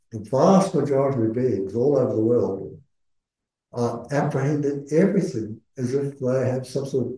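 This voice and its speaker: A man speaking as a Buddhist meditation teacher, giving earnest, measured spoken teaching with pauses mid-phrase. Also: medium pitch, mellow. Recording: echoey room.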